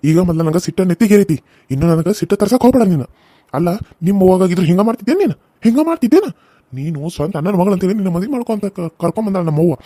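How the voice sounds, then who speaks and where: Man doing a gruff village husband, high, dark, dry sound. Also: no echo. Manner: scolding, gruff. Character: hot-tempered village husband and son.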